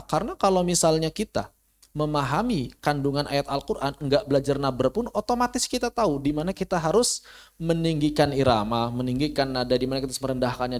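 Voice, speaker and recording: A man teaching an online Quran lesson in a casual way, asking rhetorical questions and rising high to stress his points. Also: fast talker. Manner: animated, rises high when stressing a point; casual, uses local slang. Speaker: Islamic studies teacher. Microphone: close mic, online class.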